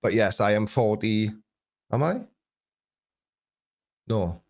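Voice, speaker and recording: A man in his late forties with a lowish, animated voice talks slowly while hosting a YouTube live stream. He reads viewer comments aloud, chatting loosely and making chatty, self-deprecating jokes, with an occasional cough.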